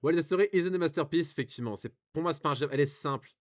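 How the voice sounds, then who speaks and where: A man's voice: a little high, racing. A young man with a French accent, reading and commenting on reviews in casual, rambling chat full of fillers and restarts.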